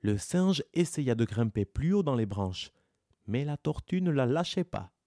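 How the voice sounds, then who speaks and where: A man narrating a folktale in a slow, expressive storybook manner. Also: medium pitch, dry recording, studio quality.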